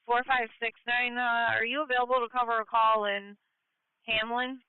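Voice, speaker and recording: An emergency dispatcher assigning EMS calls over scanner radio in a procedural, slightly halting way. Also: mid-range voice, flat delivery, smooth, dry recording. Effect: scanner radio transmission. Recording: tinny, narrowband scanner radio.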